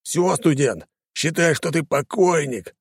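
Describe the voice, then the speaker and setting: A man's voice: fairly high pitch, expressive, unhurried, slightly rough, dry recording, studio quality, voice pushed up, heavily acted. A man voicing an arrogant, hot-headed baron in an audiobook, blustering and indignant. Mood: threatening. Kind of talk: audiobook character voice.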